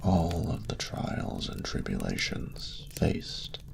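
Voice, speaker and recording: Very animated and heavily acted, a man's portrayal of a proud, flirtatious male dragon in intimate romantic audio roleplay carries a hushed, reverent storytelling mood. He speaks in a gravelly half-whisper, with grand, formal, unhurried wording.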